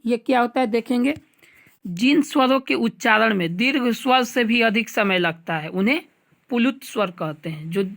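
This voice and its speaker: A woman teacher giving an exam-prep lecture, explaining step by step and repeating key terms back to the class as questions. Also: a little high. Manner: patient, stepwise explaining with frequent checks.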